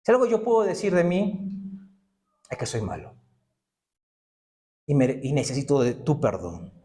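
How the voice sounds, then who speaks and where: A man's voice: medium pitch, huge pitch swings, a little slow, warm tone, a little hiss or hum. A male pastor preaching a sermon, asking rhetorical questions and answering them himself.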